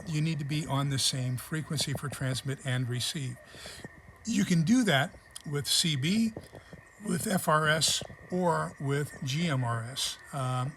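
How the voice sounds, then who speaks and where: A man's voice: on the high side, fairly bright tone. A man explains things informally and practically, like a presenter of tips, feeling his way through technical terms. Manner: instructional, practical. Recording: clearly noisy background ambience.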